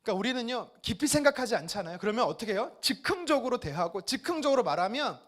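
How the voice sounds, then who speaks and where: A man's voice: very high-pitched, big pitch swings, fast. A male pastor preaching a sermon at a church service, emphatic and often putting questions to the congregation.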